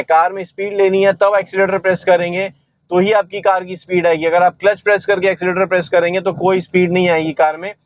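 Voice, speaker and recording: A man's voice: high-pitched, dry recording, muffled recording. A man giving a driving lesson while he drives, explaining each step and pointing out what he is doing as he goes. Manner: explanatory, repeats "ye dekhiye" while demonstrating. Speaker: driving instructor. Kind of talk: instructional commentary while driving. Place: inside a car while driving.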